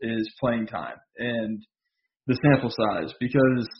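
A man co-hosting a podcast, talking basketball casually with lots of pauses and restarts. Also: medium pitch, animated, highs cut off, slight background noise. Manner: hesitant, many fillers and restarts. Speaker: podcast co-host.

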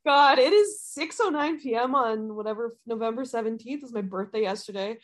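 Casting: woman, early twenties, slightly high-pitched, loose and chatty podcast co-host recorded on a video call. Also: brisk. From US Midwest. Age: early 20s. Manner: giggly, profane, slangy. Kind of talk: casual podcast chat. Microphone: computer over video call.

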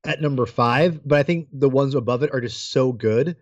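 A man's voice: medium pitch, moderate pace, dry recording, lo-fi sound. A man co-hosting a casual chat podcast, laying out the plan and giving opinions in an easygoing way. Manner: organizing, talks through while chewing gummies. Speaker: podcast co-host.

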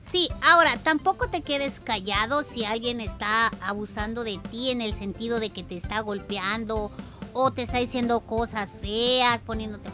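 Bright-voiced woman hosting a children's show. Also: fairly high pitch, normal speed, faint music behind. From El Salvador. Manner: warm, lively, speaks directly to children. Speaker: children's radio show co-host.

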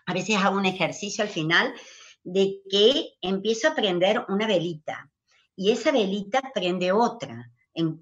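A woman guest who leads workshops, calmly giving flowing, encouraging advice in conversation. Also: medium pitch, dull audio. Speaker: guest speaker, workshop leader.

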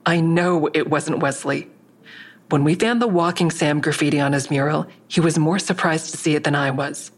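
In an audio drama with first-person narration, an actress with a deep voice plays an anxious, defensive woman being interrogated. She speaks at normal speed, guarded but earnest.

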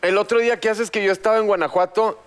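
A man's voice: high-pitched, fairly even intonation, quick pace, clear, resonant tone. A man with a Mexican accent telling a crude anecdote in casual, profane chat. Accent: Mexican Spanish. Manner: storytelling, profane. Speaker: podcast co-host.

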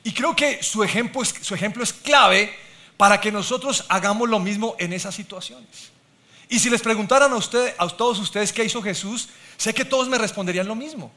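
A man's voice: high-pitched, a little fast, sharp tone. A man pastor preaching a sermon, mixing humor with scripture.

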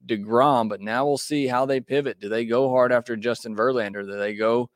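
A man's voice: mid-range voice, fairly even intonation, fairly quick, dry recording. Guy talking baseball on his podcast, casual, lots of ums, dry sound. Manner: conversational, opinionated, many fillers. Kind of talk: casual sports talk.

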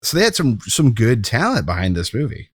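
This podcast host's medium-pitched voice swoops wildly in pitch, moving briskly with a breathy edge as he talks films casually. He stresses key words informally, and the recording has no room sound.

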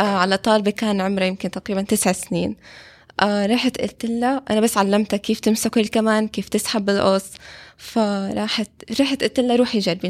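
A woman with a Levantine Arabic accent, a violin teacher, sharing personal experience in a casual discussion. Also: on the high side.

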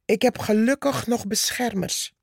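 Storybook: woman voicing a tiny defiant ant, calm and slow. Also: fairly high pitch, gravelly, no echo, clean studio sound. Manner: calm, cheeky, unimpressed. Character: tiny bold female red ant, hard-working and defiant.

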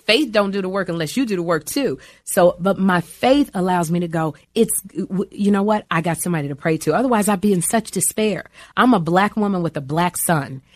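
A woman's voice: on the low side, fairly quick, few pauses, no room sound, clean studio sound. A middle-aged woman speaking candidly and emotionally about faith, bringing her stories to life with quoted voices. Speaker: guest.

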